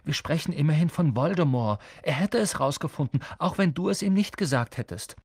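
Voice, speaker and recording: Young boy hero, read by a man, earnest and urgent, husky, lively pitch. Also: a little fast, no room sound. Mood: earnest, urging. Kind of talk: audiobook character voice.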